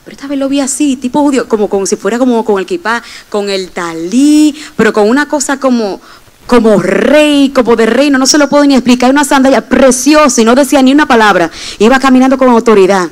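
A woman's voice: high-pitched, fairly quick, poor audio. A young adult woman preaching a sermon and giving personal testimony, speaking emphatically and addressing the congregation directly.

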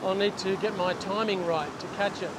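A man's voice: high voice, fairly even intonation, fairly quick. A middle-aged man talking casually as he fishes and explains on an ocean beach, with a clip-on lapel mic. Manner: chatty, explains while working, restarts sentences. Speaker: fishing channel host. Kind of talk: casual instructional vlog. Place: open ocean beach outdoors, surf. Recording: loud surf and wind noise. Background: crashing waves and wind.

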